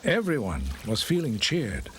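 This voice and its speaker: A man narrating a children's cartoon in gentle, sing-song rhymes. His voice sits in an even middle register. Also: medium pitch, unhurried, noisy background. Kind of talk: rhyming storybook narration.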